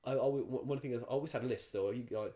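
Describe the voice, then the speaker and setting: Speaking quickly in a medium-pitched, dark-toned voice, this rural Irish man is a comedian guest on a laid-back podcast. His storytelling wanders, with plenty of false starts.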